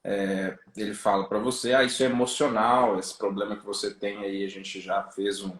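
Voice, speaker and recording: A man with a Brazilian Portuguese accent, a psychologist guest, speaking in a relaxed, casual way over a crackly, breaking-up call line from a rural home. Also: lowish voice, normal speed. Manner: relaxed, leans on tag questions. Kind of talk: casual interview chat. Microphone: remote video call. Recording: echoey room over a choppy remote call.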